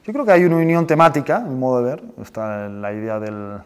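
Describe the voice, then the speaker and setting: A man with a medium-pitched, clean voice talks briskly and thoughtfully about his own work as a film director in an interview. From Spain and Chile, he searches for words and tends to finish phrases with a questioning tag.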